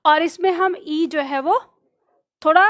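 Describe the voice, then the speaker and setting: In this online exam-prep lesson, a Hindi grammar teacher with a high voice goes slowly, repeating phrases for students to take down. She asks questions and then supplies the answers herself.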